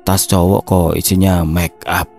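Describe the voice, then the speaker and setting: A man's voice: sits low, level tone, unhurried, darkish tone, faint music behind. A man voicing a grumpy, middle-aged school canteen lady who grumbles and scolds. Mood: grumbling.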